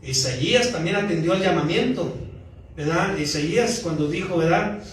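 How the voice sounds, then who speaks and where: A pastor giving a conversational sermon, often checking in with the congregation. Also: male voice, high voice, lively intonation, normal speed, slight background noise. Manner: conversational preaching, often asking the congregation "¿verdad?". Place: church sanctuary. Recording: echoey church hall from far off.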